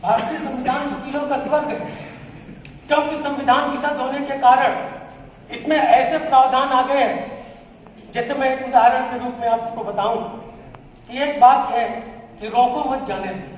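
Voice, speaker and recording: A man giving an explanatory public speech at an event, explaining with examples in a measured way. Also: very high-pitched, steady tone, lo-fi sound. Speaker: speaker at a Constitution Day event. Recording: echoey hall, distant mic, faint noise.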